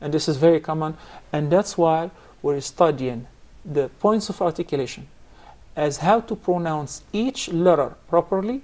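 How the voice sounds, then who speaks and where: A man's voice: a little high, normal speed, darkish tone. A man teaching a Quran recitation class, explaining points patiently and quizzing his students. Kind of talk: classroom instruction.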